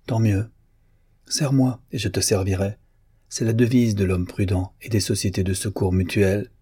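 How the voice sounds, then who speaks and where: A man reading a teasing young man, bantering, mock-solemn, husky, dark voice. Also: fairly low pitch, steady tone, normal speed, dry recording. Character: cheerful teasing young man, joking friend.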